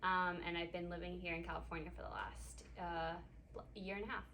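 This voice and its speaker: A young woman from Ecuador speaks in a bright, forward voice that sits a little low. She pauses often with ums as she talks. Faint background noise is under her voice. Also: flat delivery, creaky. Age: 20s. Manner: hesitant, many ums. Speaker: patient. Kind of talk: casual interview. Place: clinic room.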